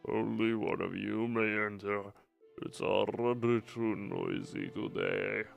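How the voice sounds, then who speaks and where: A man voicing an ancient undead lich necromancer with a rasping, gravelly voice and an aloof, imperious manner in a fantasy game. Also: fairly low pitch, steady tone, slow pace, soft background music, voice pushed down, heavily acted. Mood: stern.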